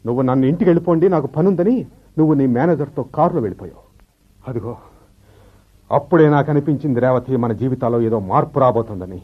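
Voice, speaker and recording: A bitter husband in an old radio show. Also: male voice, medium pitch, slightly rough. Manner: slow, reproachful, reflective speech. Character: bitter middle-aged husband, a clerk left behind. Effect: old radio show broadcast sound. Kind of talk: 1970s radio drama acting. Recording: dull lo-fi old radio recording.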